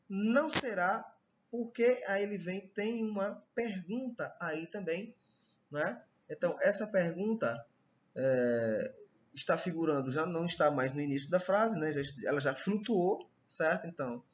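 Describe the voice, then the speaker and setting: A man's voice: a little high, lo-fi sound, a little hiss or hum. A man teaching a recorded online Portuguese grammar lesson with a Brazilian accent, explaining step by step and checking in with his students often. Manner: explanatory, repeats "tá?" and "certo?" checks.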